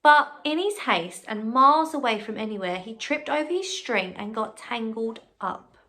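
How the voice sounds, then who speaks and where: A primary teacher with a slightly high voice reads to her pupils at an ordinary pace. The reading is animated and encouraging, sprinkled with conversational asides and questions for the listeners.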